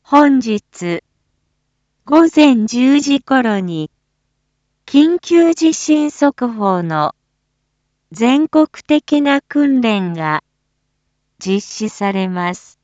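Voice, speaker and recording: A woman making a formal municipal disaster-radio announcement in the style of an outdoor loudspeaker, phrase by phrase with long pauses. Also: a little high, big pitch swings, no room sound, lo-fi sound. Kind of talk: formal public-address announcement.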